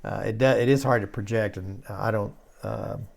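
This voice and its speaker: A soft-voiced man talking casually and haltingly as the host of a church discussion, like a pastor. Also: on the low side, fairly even intonation, gravelly.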